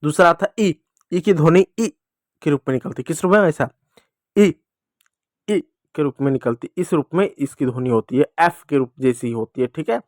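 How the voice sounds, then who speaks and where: A male teacher giving a children's reading lesson, addressing the kids directly and drawing out each letter sound slowly, asking and answering his own questions. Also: fairly high pitch, animated, no echo, studio quality. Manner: slow, drawn-out sounding of letters.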